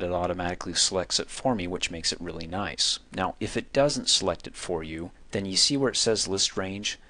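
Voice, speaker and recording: Man, very deep voice, screencast tutorial narration, relaxed conversational instructor. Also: no echo. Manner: relaxed, conversational step-by-step explaining. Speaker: software instructor.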